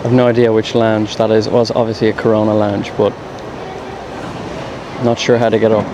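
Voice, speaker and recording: A man's voice: on the low side, monotone, brisk, dull audio, background noise. A man giving casual travel vlog commentary, with understated, slangy, rambling asides. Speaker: travel vlogger. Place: walking around an airport terminal.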